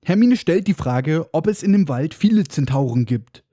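A man's voice: on the high side, animated, moderate pace, warm tone, no echo, studio quality. A man hosting a casual book podcast, recapping chapters with sarcastic, irreverent asides. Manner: sarcastic, irreverent, mock-dramatic. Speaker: podcast host.

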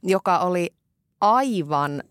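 A young woman from Finland, chatting casually as a podcast co-host and calmly walking through a baby's bedtime routine. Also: fairly low pitch, dry recording, clean studio sound. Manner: slow, soothing demonstration of a bedtime routine, laughing often. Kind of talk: casual chat.

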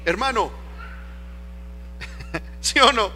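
A man's voice: high-pitched, expressive, drawn-out words, bright, forceful tone. A man preaching a sermon as pastor, emphatic, with rhetorical questions to the congregation. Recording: long reverb of a church hall. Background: faint music.

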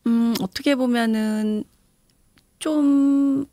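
A woman with a fairly high voice talks casually as an interview guest. She moves between Korean and English in one conversation. The sound is dry, with hardly any room in it. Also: fairly even intonation, extremely slow, warm tone, no echo. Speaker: radio show guest. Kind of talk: casual bilingual interview chat.

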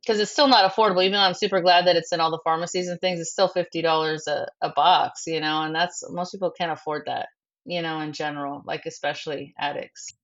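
A middle-aged bereaved mother speaking frankly in an interview, halting with lots of fillers. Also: deep voice, steady tone, muffled recording. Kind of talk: candid personal interview.

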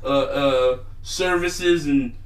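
A man's voice: medium pitch, very slow, reverberant, recorded from a distance, low-quality recording. A man hosting a casual chat podcast, talking in a laid-back, rambling way and laughing often. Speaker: podcast host.

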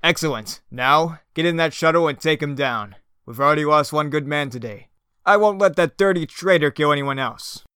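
A man's voice: fairly high pitch, moderate pace, sharp tone, clean tone, dry recording, clean studio sound. A man playing a bombastic, patriotic space captain with earnest, overblown heroics. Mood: urgent. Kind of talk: comedy audio drama acting.

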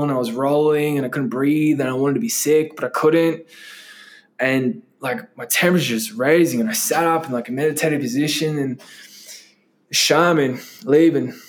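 A man as an interview guest, telling a personal story in a loose, rambling way full of "like" and "um". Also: medium pitch. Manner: loose and rambling, many "like" and "um" fillers.

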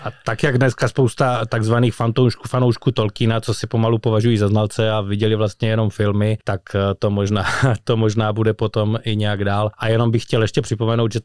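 A man talks through a casual podcast chat as a historian. His voice is low and his pitch barely moves. He pauses and hesitates often, recorded close and dry in a quiet room. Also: smooth, no echo. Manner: even, level delivery with frequent hesitations.

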